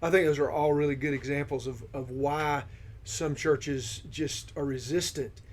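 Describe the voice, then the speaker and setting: A man on a ministry team who guides a podcast discussion, affirming his partner and posing questions in a steady manner. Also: fairly high pitch, moderate pace. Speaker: discipleship ministry team member leading the discussion.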